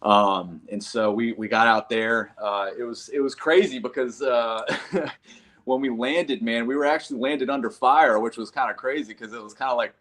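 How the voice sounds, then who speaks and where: This combat veteran from North Carolina, in his thirties, has a medium-pitched, slightly bright voice and speaks at normal speed. Appearing as an interview guest, he's earnest and folksy, casually addressing people as "man" and "brother."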